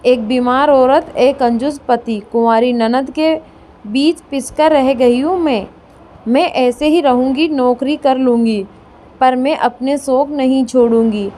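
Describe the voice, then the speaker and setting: A woman's voice: high-pitched, takes it slowly, dark tone. A woman voicing a spoiled, tearful young married daughter complaining in a storybook reading.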